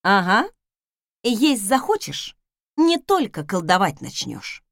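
A woman's voice: mid-range voice, wildly swooping pitch, slow pace, gravelly, no echo, studio quality, exaggerated voice. A woman voicing a bold young wizard's wife who speaks in a commanding, playful way.

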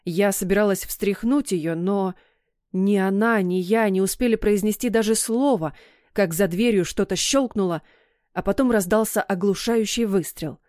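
A woman reads a first-person novel aloud with expressive storytelling. Her voice sits at an ordinary middle pitch for a woman. The recording is dry and close, with no room reverb. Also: normal speed. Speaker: audiobook narrator. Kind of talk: first-person audiobook narration.

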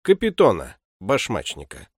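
A man voicing a stern, weary male household butler who speaks curtly in a lowered voice. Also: wildly swooping pitch, moderate pace, dry recording, clean studio sound, heavily acted. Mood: gruff. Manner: gruff, curt, lowered voice. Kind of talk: audiobook character reading.

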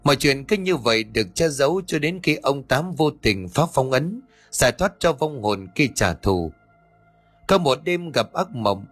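A male narrator tells a ghost story in a steady voice with a husky grain. The recording is dry and close, with faint music underneath. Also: medium pitch, no echo. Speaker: audiobook narrator.

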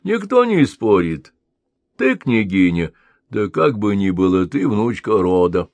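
Grumpy old wise man , a guy putting him on, slow heavy scolding, low voice, dry sound. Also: sing-song, a little mellow, no room sound. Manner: grumbling, scolding. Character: stern old male sage wanderer, gruff and scolding.

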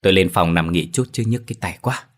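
A man with a deep voice playing a hot-tempered middle-aged dog butcher who swears loudly. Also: fast, lightly acted. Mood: dismissive. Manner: gruff, cursing, raised voice.

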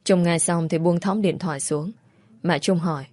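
A woman narrating a family drama story in a steady, plain way. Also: fairly low pitch, normal speed, dry recording.

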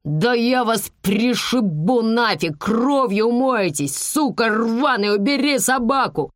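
A woman reading aloud and voicing a rude, menacing male thug who shouts drawn-out threats. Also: a little high, animated, dry recording, clean studio sound, voice pushed up. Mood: panicked yelling.

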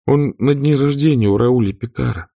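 A man's voice: mid-range voice, normal speed, gravelly, dark tone, voice pushed up. A man voicing a shy, unhappy little boy in an audiobook, hesitant and stammering. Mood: timid. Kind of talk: audiobook character voice.

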